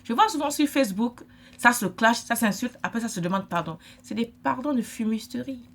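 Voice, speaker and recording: A woman's voice: fairly high pitch, lively intonation, a little fast, a bit bright. A middle-aged woman from Africa, giving an emphatic, lecturing vlog monologue and repeating her points. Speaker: vlogger.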